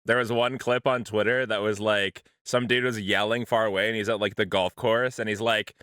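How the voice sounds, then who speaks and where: A man's voice: on the low side, steady tone, normal speed, fairly bright tone, clean tone, no room sound, clean studio sound. A young man in casual podcast banter, teasing his friends and laughing. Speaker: podcast co-host.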